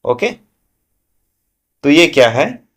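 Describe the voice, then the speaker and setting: A man's voice: fairly high pitch, big pitch swings, slow, a bit bright. A man teaching a current affairs lesson for exam students, asking questions and answering them himself, with frequent "है ना" checks.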